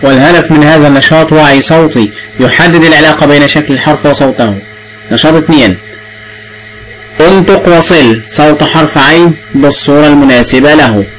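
A man's voice: a little high, faint music behind, low-quality recording. A man with an Egyptian accent teaching the alphabet to young children, drawing out sounds and prompting patiently. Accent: Egyptian Arabic. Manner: patient, drawn-out and repetitive prompting.

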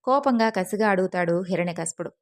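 A woman's voice: lowish voice, a little fast. Earnest woman telling a devotional story.

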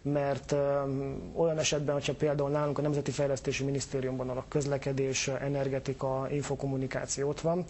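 A man's voice: mid-range voice, monotone, few pauses, a little mellow, slight background noise. A man answering interview questions as a government official, hesitant and full of filler sounds.

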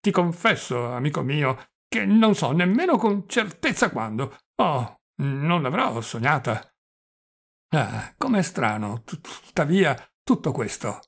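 A man's voice: on the high side, big pitch swings, takes it slowly, a bit bright, exaggerated voice. A man reading the part of a forgetful, rambling old prince who stammers and drops French phrases, in an audiobook. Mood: fretful. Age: older.

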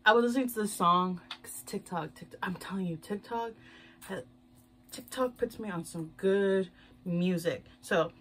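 A young beauty vlogger from Houston, Texas, does her makeup in a small decorated bedroom, chatting loosely to a camera at desk distance for a get-ready-with-me video. Her mid-range voice is fairly bright and moves at normal speed as she rambles, swears casually, and pokes fun at herself.

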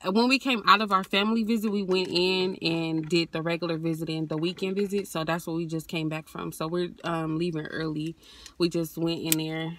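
Young woman chatting to her phone cam in the car, keeps saying y'all, faint hiss behind. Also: lowish voice. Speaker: vlogger. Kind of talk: casual vlog chat. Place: in and around a car on a hot day.

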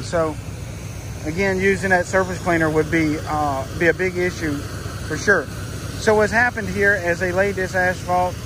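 A man with a fairly high voice explains a job in a relaxed, folksy way, with plenty of ums and uhs. He is outdoors in a parking lot, and a loud pressure washer runs behind him. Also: background noise. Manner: casual, folksy, with frequent fillers. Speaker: pressure washing business owner and trainer. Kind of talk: instructional talk to camera.

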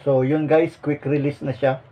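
A man from the Philippines speaks from inside a helmet he is wearing, so his voice comes through the shell. He keeps a chatty, friendly vlog manner and talks to viewers as "guys". His voice sits a bit high for a man. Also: flat delivery, moderate pace, mellow, rough recording. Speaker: vlogger reviewing a motorcycle helmet. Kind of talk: casual review vlog.

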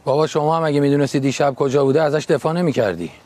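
A bitter grown son, played by an actor who throws out sarcastic accusations. His voice sits somewhat high for a man. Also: a little mellow, lightly acted. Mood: accusing.

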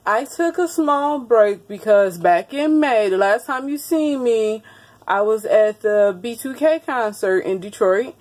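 Woman, 30s, casual vlogger; chatty, laughs a lot, a bit higher voice, phone-camera sound in a small room. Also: lively intonation, a little slow, a little mellow. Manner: chatty, laughs often, talks straight to viewers. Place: small indoor room with wood panelling. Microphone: phone camera held close.

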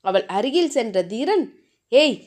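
A woman narrating a serialized romance novel in a steady storytelling manner. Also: high-pitched, moderate pace.

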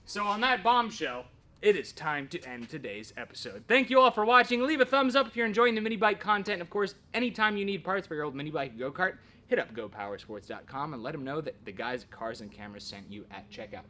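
A man's voice: fairly high pitch, animated, fast, bright, forceful tone. A man hosting in an indoor garage workshop, upbeat and presenting to the camera. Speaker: host. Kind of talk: casual show outro.

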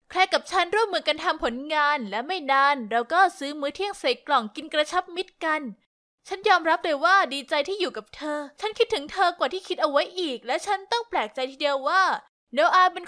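A young woman narrating a first-person story in a lively, confiding way. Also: very high voice. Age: young adult.

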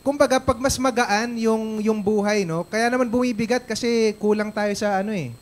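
A man's voice: high voice, fairly even intonation, moderate pace. A Filipino man, a guest speaker at a company event, telling a personal story on stage in a chatty way, ending lines with tag questions.

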